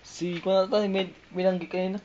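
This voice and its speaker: A woman's voice: mid-range voice, level tone, fast talker. A woman answering questions with short, hesitant replies, away from the camera at home. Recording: distant muffled home video with loud noise.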